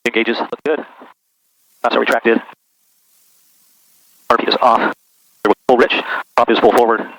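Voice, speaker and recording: A man giving calm, clipped radio calls and cockpit instructions as a pilot, through an aviation intercom headset. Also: mid-range voice, no echo. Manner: clipped, procedural delivery. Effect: aviation intercom headset sound. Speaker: pilot in an instrument training flight. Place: inside small aircraft cockpit. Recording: noisy aircraft intercom, loud engine drone.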